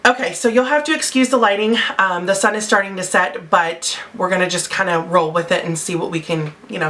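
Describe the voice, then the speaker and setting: Bright-voiced young woman vlogging. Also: mid-range voice. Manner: chatty, with many fillers. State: out of breath. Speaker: beauty vlogger. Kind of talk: casual product review. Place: home, natural window light.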